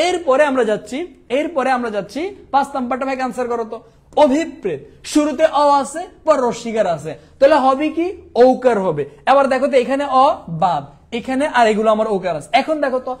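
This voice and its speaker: Young bangladeshi guy rattling through a revision class, quizzes and answers himself, quick pace. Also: extremely high pitch. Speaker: teacher. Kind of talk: exam revision lesson.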